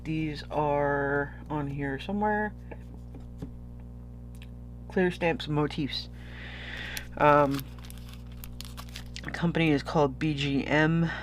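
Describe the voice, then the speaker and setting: A man's voice: fairly high pitch, steady tone, slow pace, pauses often, a little hiss or hum. A sniffly man chatting casually as a vlogger unboxing purchases, rambling and easily losing his thread. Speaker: vlogger showing stationery purchases.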